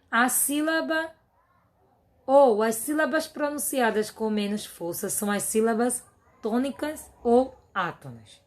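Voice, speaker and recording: Slow, patient Brazilian woman teacher. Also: a little high. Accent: Brazilian Portuguese. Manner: dictates word lists one by one, patient explaining. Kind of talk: remote class going over workbook exercises.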